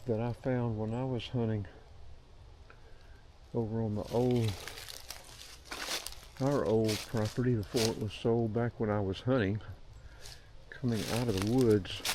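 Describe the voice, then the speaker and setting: An older man musing aloud in a rambling, unhurried way during a casual walk and talk, in short phrases. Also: fairly low pitch. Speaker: vlogger. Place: outdoors walking in woods. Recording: clear outdoor noise, rustling and crunching.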